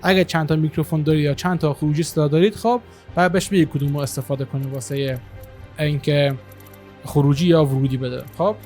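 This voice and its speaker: Guy walking through game settings at his pc, kinda high voice, lots of umms, soft music under it. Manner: relaxed, many filler hesitations. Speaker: gaming channel host. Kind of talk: casual game-settings tutorial. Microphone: single desktop microphone.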